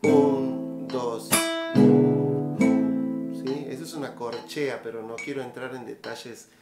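A man with an Argentine accent teaching guitar in a relaxed live online lesson, counting beats aloud and vocalizing the strums. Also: mid-range voice, normal speed, roomy sound. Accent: Argentine Spanish. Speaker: music teacher.

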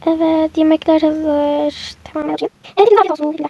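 A woman's voice: sits high, fairly even intonation, normal speed, mellow, muffled recording. A woman hosting a chatty toy game role-play, switching between characters. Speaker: role-play channel host.

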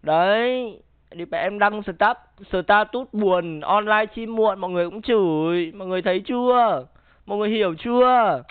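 High-voiced male streamer, tinny and dry. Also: moderate pace, clean tone, no echo. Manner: rambling, profane, pleading with the audience. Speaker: streamer reacting with friends. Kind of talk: casual chat.

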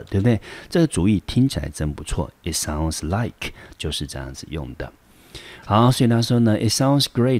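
Low-voiced man teaching English grammar. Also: a little mellow. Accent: Taiwanese Mandarin. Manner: patient, repeats and translates, reads English lines slowly. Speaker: high school English teacher. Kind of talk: classroom lecture explaining a textbook.

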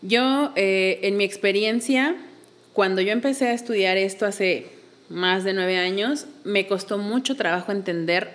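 A woman's voice: medium pitch, measured pace. A woman, a belly dance teacher, explaining patiently in a casual interview and counting beats aloud.

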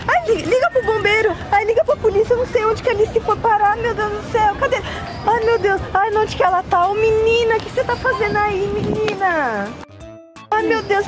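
Brazilian woman as a high-strung panicking mom for a park sketch; shrill, leaping pitch over loud crowd noise. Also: recorded from a distance, heavily acted. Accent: Brazilian Portuguese. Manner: shrieking, frantic exclamations. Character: frantic panicking young mother. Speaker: comedy sketch vlogger. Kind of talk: comedy sketch acting. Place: outdoor city park. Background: crowd noise and music.

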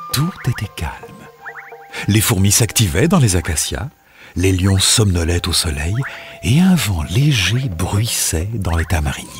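A man narrating a children's fable, expressive and dramatic. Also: on the low side. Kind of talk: scripted storybook narration.

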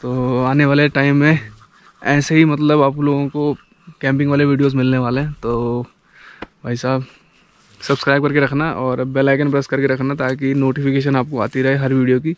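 A man's voice: mid-range voice, little pitch movement, normal speed. A young man in his twenties vlogging from a forest campsite, talking casually with lots of fillers as he shows viewers around. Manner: chatty, filler-heavy, guiding viewers around. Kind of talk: casual travel vlog. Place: outdoors in a pine forest campsite. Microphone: action camera held at arm's length.

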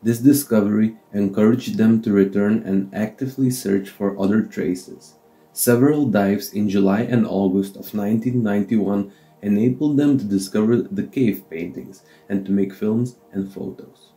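Low mellow guy narrating a doc, steady and a bit off in his phrasing, soft music under him. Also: moderate pace, low-quality recording. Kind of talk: scripted documentary narration.

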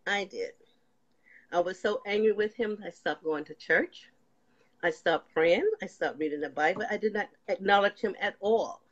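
A woman's voice: medium pitch, moderate pace. An older woman giving a personal faith testimony as a guest, telling her story and acting out past conversations. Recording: slightly dull lo-fi sound.

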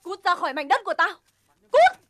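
Brief: a defiant village woman, very high shrill shouting over a crowd outdoors. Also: lively intonation, fast. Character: fierce young village woman guarding her land. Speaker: farmer defending her land. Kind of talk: Vietnamese film drama acting. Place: outdoors on a hillside field.

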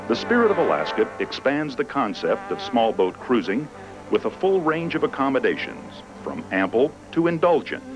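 Lively male promo narrator. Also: medium pitch, poor audio.

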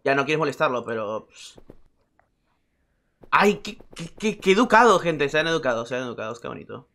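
A man commenting casually on a game he is playing, excitable, repeating words in quick bursts and yelling when startled. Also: on the high side. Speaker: gaming streamer.

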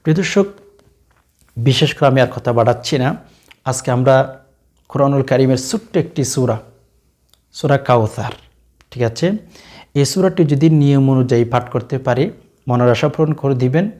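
A man with a Bangladeshi Bengali accent giving a religious talk, coaxing his viewers with repeated questions and breaking into slow, drawn-out chanted recitation. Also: medium pitch, a little mellow. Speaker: Islamic preacher. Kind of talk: religious teaching with Quran recitation.

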